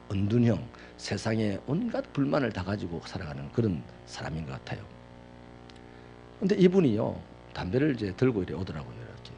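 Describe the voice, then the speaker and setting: 감정 기복이 큰 목사님의 설교, 남성. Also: male voice, on the low side, creaky. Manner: dramatic storytelling, swings from loud outbursts to hushed asides. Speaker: pastor. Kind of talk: sermon.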